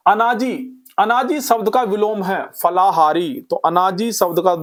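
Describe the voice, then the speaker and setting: A Hindi exam-prep teacher with a fairly high voice leads a revision lesson, speaking a little slowly. He drills the class in a lively, repetitive way, firing off questions and answering them himself.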